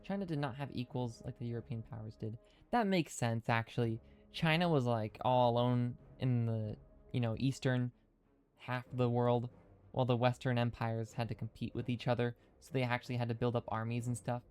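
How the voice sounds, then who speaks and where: A man's voice: mid-range voice, steady tone, normal speed, a little mellow, clear, resonant tone, faint music behind. A man live-streaming a video game, thinking aloud through his moves and chatting with viewers, with his speech a little hindered by dental retainers. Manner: thinking aloud, chatty, reads chat comments. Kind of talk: casual live-stream commentary.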